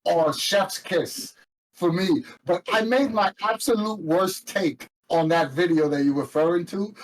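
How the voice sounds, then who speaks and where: A man's voice: sits high, a little slow, rough recording. Outspoken New York man co-hosting. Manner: opinionated, outspoken. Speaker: co-host. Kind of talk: casual chat.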